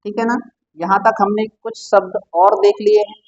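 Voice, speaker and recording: A man's voice: sits high, little pitch movement, moderate pace, slight background noise. A man teaching a Hindi vocabulary lesson for exam prep, keeps quizzing the listener with repeated questions and answering them himself. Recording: dull lo-fi sound.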